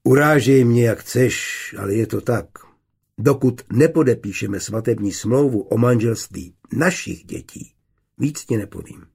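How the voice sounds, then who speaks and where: A shrewd young glassmaker bargains coolly and confidently, as a man reads him. His voice is gravelly and a little husky, in an audiobook reading. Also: mid-range voice. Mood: calm. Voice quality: calm, measured.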